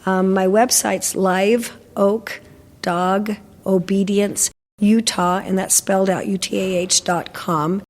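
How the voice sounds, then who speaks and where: A woman's voice: mid-range voice, fairly even intonation, slow, in a large hall. An older woman, a dog trainer, chatting in an interview and telling stories with lots of fillers and restarts. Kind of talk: casual interview chat.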